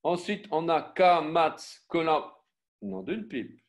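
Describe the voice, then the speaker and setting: A man teaching a Biblical Hebrew lesson online, spelling out syllables and letters one by one, often pausing to correct himself. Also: a little high, sing-song. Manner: self-correcting, with frequent fillers and restarts. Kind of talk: online class with screen sharing.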